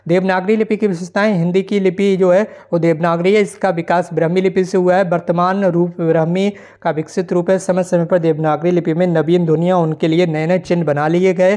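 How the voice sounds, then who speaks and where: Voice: medium pitch, little pitch movement, a little fast, hardly any pauses, mellow. Patient online teacher going through model answers. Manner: explanatory, reads questions aloud and checks in with frequent "theek hai". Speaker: exam-prep teacher. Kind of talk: online exam-prep lesson reading model answers.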